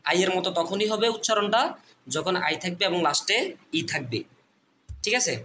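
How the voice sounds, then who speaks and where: A man with a slightly high voice gives a phonics lesson. He sounds out letters one by one and repeats them patiently, speaking to the viewers as friends. A faint hiss sits under his voice. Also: moderate pace, pushed and bright. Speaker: online teacher.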